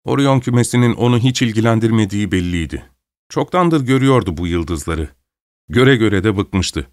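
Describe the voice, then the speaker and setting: A man narrates a story in a steady, measured reading voice. His voice sits low, and the recording is dry and close with no room sound. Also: no room sound. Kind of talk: scripted narration.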